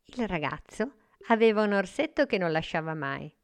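A woman narrating a children's story gently and carefully. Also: lowish voice, sing-song, moderate pace, smooth.

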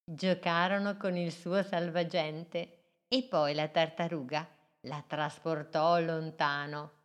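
Slow, low-voiced woman reading a children's tale. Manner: slow and gently expressive. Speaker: storyteller.

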